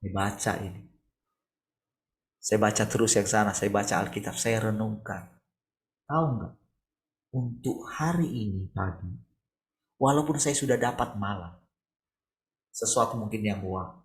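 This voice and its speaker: A man, a pastor giving a conversational morning sermon over a video call, asking rhetorical questions and moving between soft and raised tones. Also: fairly low pitch, moderate pace, pauses often.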